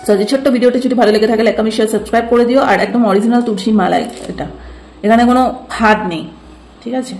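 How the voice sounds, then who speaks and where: A woman host giving a casual chatty lesson on chanting with a prayer-bead string. She explains step by step, mixes in English words and keeps asking if things are clear. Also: on the high side, steady tone, a little hiss or hum. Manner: chants the mantra softly and quickly. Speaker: spiritual teacher, channel host. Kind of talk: casual instructional talk on chanting. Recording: echoey room with faint ambience.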